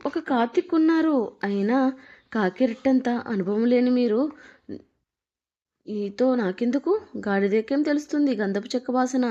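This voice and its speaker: A cocky young man boasts of his talent with mock offense, as a woman storyteller puts him on. The voice rises a little higher and louder. It is a dull, lo-fi audio story recording. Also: lightly acted.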